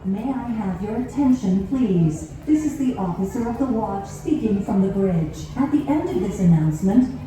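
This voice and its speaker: Give me a woman officer making a formal announcement over an echoey ship's loudspeaker, distant and noisy. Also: medium pitch, expressive, normal speed. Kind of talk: public address announcement. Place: ship's bridge, heard over open-deck speakers. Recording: echoey, distant ship loudspeaker with background noise.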